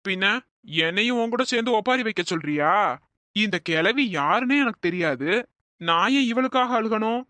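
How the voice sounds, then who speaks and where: A performer voicing a suspicious, grumbling balding auto-rickshaw driver in an animated comedy. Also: mid-range voice, moderate pace, no room sound.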